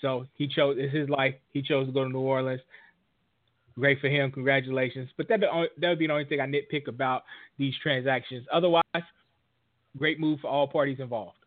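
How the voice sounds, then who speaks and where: Wry, measured man on a thin line. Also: medium pitch, steady tone, dry recording. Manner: measured, wry, thinks aloud with small restarts. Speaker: podcast co-host. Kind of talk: casual sports talk. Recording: dry, phone-like lo-fi audio.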